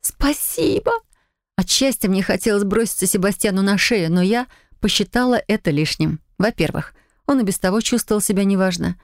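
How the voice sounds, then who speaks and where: A woman's voice: medium pitch, no echo, clean studio sound. Woman narrating a first-person audiobook. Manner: steady, measured storytelling.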